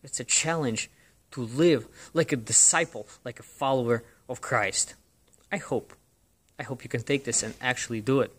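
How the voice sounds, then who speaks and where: A man's voice: mid-range voice, moderate pace, a bit bright. A man giving a short devotional talk, earnest and exhorting, repeating phrases for emphasis.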